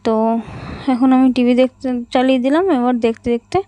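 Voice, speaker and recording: A woman's voice: sits high, little pitch movement, fast talker, dark tone, smooth, rough recording. A woman chatting casually to her viewers in a home lifestyle vlog. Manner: chatty, addresses viewers as friends. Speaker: lifestyle vlogger. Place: home at night.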